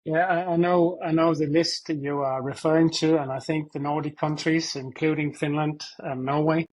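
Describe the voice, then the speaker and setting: A man answers questions in a relaxed interview. He hesitates and repeats words as he thinks. His voice sits slightly high. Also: normal speed, poor audio. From Denmark. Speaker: guest expert. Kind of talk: conversational interview.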